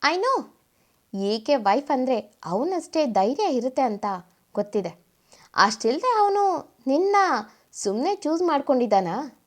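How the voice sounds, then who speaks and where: A woman's voice: sits high, very animated, a little slow, pauses often, heavily acted. A woman voicing a mocking male villain who taunts over the phone. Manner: teasing, sneering, then curt.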